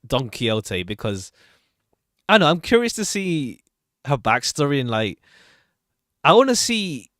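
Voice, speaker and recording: A man streams casual commentary with very animated intonation and a mid-range voice. He is chatty and hesitant, thinking aloud into a close, dry microphone. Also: mid-range voice, dry recording. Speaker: streamer reacting to game trailers.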